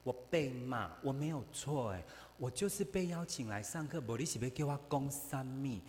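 A man's voice: medium pitch, expressive, normal speed, a little mellow, big-room sound, a little hiss or hum. A man preaching a sermon, telling a story and acting out both sides of the conversation.

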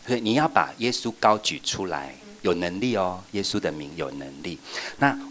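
Lively lower-voiced man teaching. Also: moderate pace. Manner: playful, lively, acts out examples. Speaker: children's church teacher trainer. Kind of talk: teaching workshop.

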